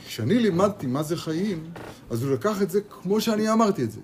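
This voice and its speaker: A man's voice, pitched somewhat high, that swings widely up and down as he teaches a Torah lesson in a kollel. He repeats his words, fires off rhetorical questions and acts out his students' replies. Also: sing-song, darkish tone, a little hiss or hum. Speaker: rabbi teaching a class. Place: kollel study hall.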